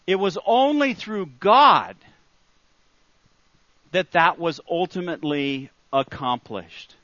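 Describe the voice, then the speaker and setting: A man's voice: high-pitched, a bit bright, no room sound, muffled recording. A man preaching a sermon in an earnest, emphatic way, repeating his key phrases.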